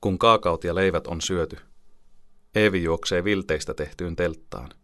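Deep-voiced man narrating a story. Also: bright, forceful tone, no room sound, clean studio sound. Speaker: audiobook narrator.

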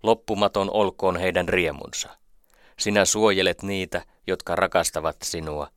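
Deep-voiced man reading psalms solemnly. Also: fairly even intonation, a bit bright, no room sound, studio quality. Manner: slow, measured, solemn recitation. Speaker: scripture reader. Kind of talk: scripted Bible reading.

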